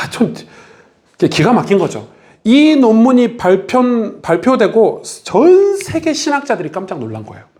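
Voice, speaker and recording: A man leads a Bible study as pastor, talking to his church listeners. His voice sits a little high and moves through a wide, lively range. He keeps turning to his listeners with questions. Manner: animated, asks the audience questions.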